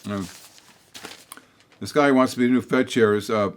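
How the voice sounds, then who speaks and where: An older man hosts a local public-access opinion show, rambling to the camera in a blunt, meandering way full of restarts and asides. His voice sits at medium pitch and moves at a moderate pace, a bit hoarse from a tickle in his throat.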